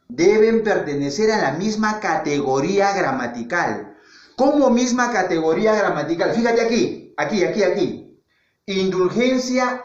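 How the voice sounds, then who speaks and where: Man teaching, lively and echoey. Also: high-pitched. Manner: asks rhetorical questions and answers them himself; repeats key words for emphasis. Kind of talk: classroom lesson. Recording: echoey, dull lo-fi classroom recording.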